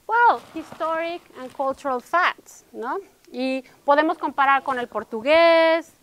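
A middle-aged Mexican woman with a Mexican Spanish accent presents at an academic workshop in a high, slightly bright voice. She moves between Spanish and English and often ends her sentences with a tag question.

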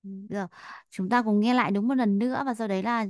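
A woman's voice: on the high side, steady tone, fast, dry recording, clean studio sound. A woman teaching Korean, explaining a listening exercise in a chatty way with many fillers and repeated phrases. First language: Vietnamese.

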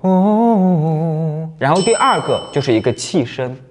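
A man's voice: medium pitch, big pitch swings, fairly quick, a bit bright, in a large hall, a little hiss or hum. A man teaching a singing lesson, explaining technique patiently step by step. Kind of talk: singing lesson with sung demonstrations.

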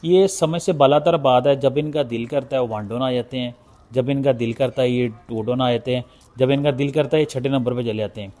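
A man breaks down a cricket match as host, speaking from a sofa indoors into a nearby phone camera. His delivery is critical and emphatic, and he hammers points home by repeating them, at a middle pitch. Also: steady tone, brisk, a little mellow. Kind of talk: post-match analysis to camera. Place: indoor room, seated on a sofa.

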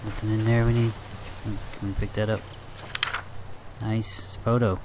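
A man's voice: fairly low pitch, flat delivery, unhurried, noisy background. A man commentating as he plays a horror game, talking to himself with jumpy, nervous exclamations. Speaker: gamer playing a horror game. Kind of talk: let's play commentary.

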